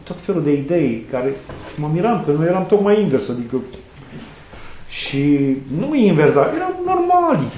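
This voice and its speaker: In a conversational interview, a middle-aged man, an Orthodox priest and student chaplain, shares earnest stories and quotes sayings and saints. He speaks in a fairly high, darkish voice and is very animated. The recording has an echoey room sound.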